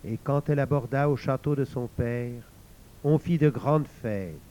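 A man narrating a fairy tale in a slow, measured way. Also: medium pitch, mellow. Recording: slightly muffled recording.

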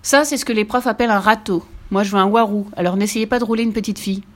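A woman's voice: medium pitch, brisk, close to an everyday voice. Woman playing a cheeky little redheaded girl. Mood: indignant. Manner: bold, indignant, playful. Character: cheeky fearless red-haired little girl.

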